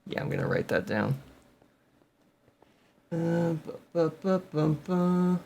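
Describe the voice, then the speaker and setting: A man with a medium-pitched voice and some vocal fry hosts a gameplay video, with slight background noise. In casual commentary, he thinks aloud and mutters numbers as he plays.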